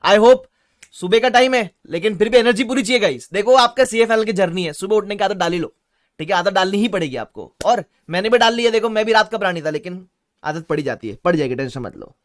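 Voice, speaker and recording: Mumbai guy teaching a live class, lots of energy, smooth voice, close dry sound. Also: high-pitched, quick pace, no echo. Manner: energetic, mixing Hindi and English; reads viewer chat aloud. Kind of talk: live-streamed online lecture.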